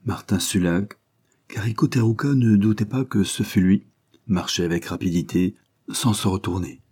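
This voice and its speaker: A man reading a novel aloud as an audiobook narrator, in a measured, even storytelling manner. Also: lowish voice, breathy edge. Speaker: audiobook reader.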